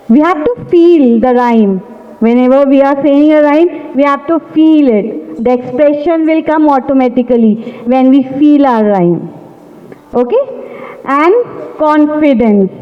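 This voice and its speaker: A woman giving encouraging, instructive feedback to students as a competition judge. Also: high-pitched. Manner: encouraging, instructive, repeats points. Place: school hall. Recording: muffled reverberant hall.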